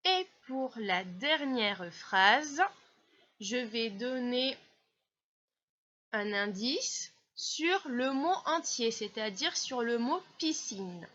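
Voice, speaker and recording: A woman from France, a primary school teacher explaining a lesson slowly and patiently, step by step. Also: on the high side, expressive, a bit bright, highs cut off. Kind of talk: classroom explanation.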